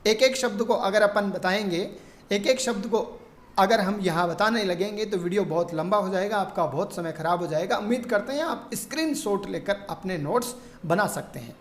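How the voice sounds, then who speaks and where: A woman teaching a grammar lesson, explaining terms and reading long word lists in a steady teaching tone. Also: medium pitch. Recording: echoey room.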